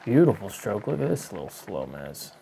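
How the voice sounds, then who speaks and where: A man's voice: on the low side, very animated, normal speed, vocal fry, mellow, slight background noise, rough recording. A man giving casual color commentary as a disc golf co-commentator.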